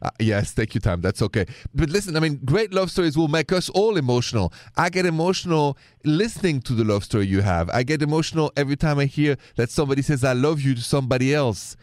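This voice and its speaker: A man hosting a radio call-in show about love stories, warm, encouraging and effusive with callers. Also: a little high, lively intonation, fast, hardly any pauses, dry recording, clean studio sound. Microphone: studio mic.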